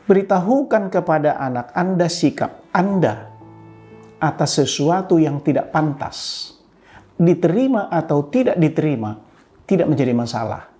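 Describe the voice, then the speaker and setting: An older man with a lilt in his tells a story to a gathered audience. His voice is mellow and warm, and it leaps up in pitch as he acts out the scenes. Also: normal speed, faint music behind. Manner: animated retelling with pitch jumps and chuckles. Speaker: speaker addressing an audience. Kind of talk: storytelling talk.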